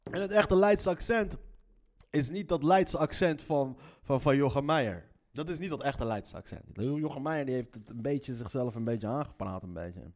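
This host has a mid-range, darkish voice and talks at a moderate pace. He reads from the newspaper on his show with a Leiden Dutch accent that carries a slight Moroccan tinge. The talk wanders freely, full of curse words and digressions.

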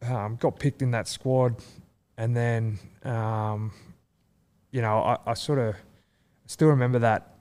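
With a slow, steady delivery and a clean, slightly mellow medium-pitched voice, an Australian-accented man from country New South Wales shares casual stories. A guest and former rugby league player, he rambles, filling his speech with fillers and restarts.

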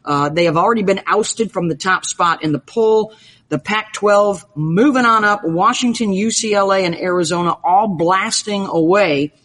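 A woman's voice: medium pitch, normal speed, fairly bright tone. Upbeat woman hosting a sports show. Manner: upbeat, jokey, rattles off game schedules. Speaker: show host.

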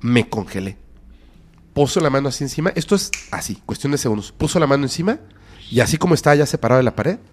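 A man's voice: mid-range voice, expressive, quick pace. Mexican man telling a spooky tale. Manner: dramatic, drops to whispers and bursts of loudness. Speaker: podcast guest. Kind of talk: storytelling in a podcast interview.

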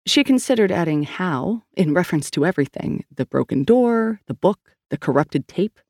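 Gravelly woman audiobook narrator. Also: on the low side, lively intonation, normal speed, a little mellow, dry recording, clean studio sound. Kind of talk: scripted narration.

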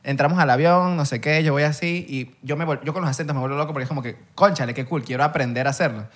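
A man's voice: a little high, fast talker. A young man, a podcast guest telling stories in casual chat and acting out other people's voices. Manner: animated storyteller, acts out voices.

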